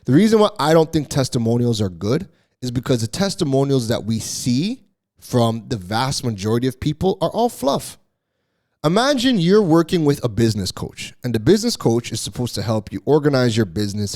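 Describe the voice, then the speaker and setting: A man's voice: mid-range voice, darkish tone. A man hosting solo commentary as a business coach, emphatic and exasperated, repeating key words for stress.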